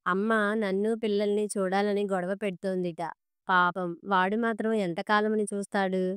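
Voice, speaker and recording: A fed-up middle-aged husband snaps back curtly in a spoken storybook, as a woman reading the story voices him. The voice is very clear and smooth, with a dry, close sound. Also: mid-range voice, level tone, normal speed, no echo, natural voice. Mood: irritated. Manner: curt and impatient.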